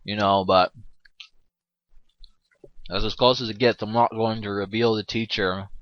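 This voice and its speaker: Guy rambling thru a movie commentary, kinda low voice, muffled dry mic. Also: fairly even intonation, measured pace, no echo. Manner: rambling, filler-heavy, joking with frequent laughs. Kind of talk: casual film commentary.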